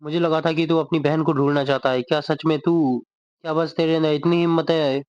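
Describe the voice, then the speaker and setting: A man's voice: on the high side, fairly even intonation, brisk, darkish tone, no echo, close to an everyday voice. A man voicing a fierce woman martial arts trainer who commands and scolds, within a manga recap. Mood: scolding. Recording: dull dry recording.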